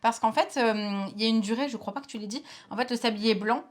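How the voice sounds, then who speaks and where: A woman in her thirties co-hosting a board game show, chatting casually with lots of hesitations and quick laughs. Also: fairly high pitch. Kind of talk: casual chat reviewing board games.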